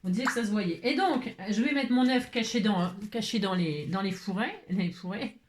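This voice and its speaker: A woman's voice: medium pitch, normal speed, a little mellow, echoey room, slight background noise. Chatty woman thinking aloud over her crafts. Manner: chatty, thinks aloud, lots of "hein" and "voilà". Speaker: craft video host.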